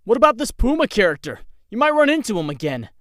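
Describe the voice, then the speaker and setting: A man's voice: extremely high pitch, big pitch swings, fast talker, a bit bright, exaggerated voice. A man playing an earnest, anxious young superhero in a comic dub, with a boyish, dramatic delivery. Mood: surprised, uneasy.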